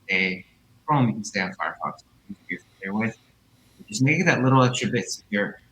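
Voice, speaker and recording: A low-voiced man chats loosely in a panel, hedging with "I think" and "um". His call audio is glitchy and drops out every few words. His tone is bright and a little sharp, with a faint hiss under it. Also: a little fast, low-quality recording. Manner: relaxed, conversational, fillers and hedges. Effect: glitchy audio cutting out over a call. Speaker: panelist on a tech discussion. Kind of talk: casual panel discussion. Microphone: video call. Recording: video call line with faint noise.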